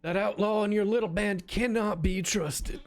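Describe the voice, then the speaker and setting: A man's voice: high-pitched, moderate pace, voice pushed up. A man voicing a fussy, indignant old male banker in a Western mystery game. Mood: pompous. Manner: pompous, indignant.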